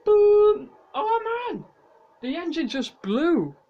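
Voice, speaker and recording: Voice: medium pitch, lively intonation, moderate pace, lo-fi sound, heavy background noise, natural voice. A commentator voicing exasperated, unlucky racing drivers who exclaim and complain in a whiny, blokey way. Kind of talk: acted driver outbursts.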